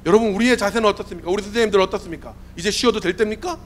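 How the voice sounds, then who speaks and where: A man in his forties, a youth pastor, preaching a sermon in a church with a hoarse, worn voice. He keeps firing questions at the congregation. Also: high-pitched, very fast, slight background noise. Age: 40s. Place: church sanctuary.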